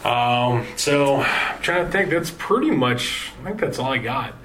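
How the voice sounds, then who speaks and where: A man's voice: mid-range voice, animated, fairly bright tone, low-quality recording. Male sports podcast host, worn out, loose rambling delivery with ums, faint background hiss. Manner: rambling, halting sign-off with many fillers. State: tired. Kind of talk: casual sports podcast chat.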